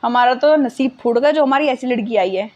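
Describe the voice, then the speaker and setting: A woman's voice: on the high side, fairly quick, darkish tone, voice pushed down, natural voice. A woman voicing an exasperated middle-aged mother who pleads and laments about her daughter. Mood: lamenting.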